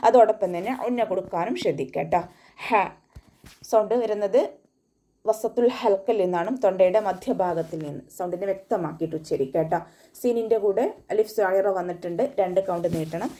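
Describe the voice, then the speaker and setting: A woman's voice: mid-range voice, warm tone. Woman teaching Quran recitation rules. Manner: patient step-by-step instruction, slow melodic Arabic recitation between explanations. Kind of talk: online tajweed lesson.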